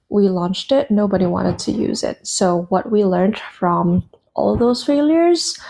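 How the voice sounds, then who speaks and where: Woman in her twenties from Indonesia, mellow tone, plain reflective delivery. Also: mid-range voice. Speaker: guest, startup co-founder. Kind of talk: recorded talk.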